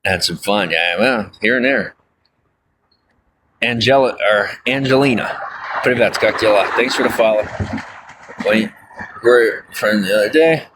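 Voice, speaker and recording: Speaking unhurriedly with long pauses, this man has a fairly low voice, and there's noise in the background. During a livestream he reads viewers' comments and chats with them casually, wandering off with lots of fillers and homespun asides. He's folksy and keeps saying "I'll tell you what."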